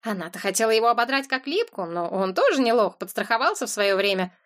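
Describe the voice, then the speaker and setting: A woman reading the part of a pushy, sarcastic woman friend who talks in a rapid-fire rush. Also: on the high side, animated, fairly bright tone. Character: brash, pushy woman friend, quick talker.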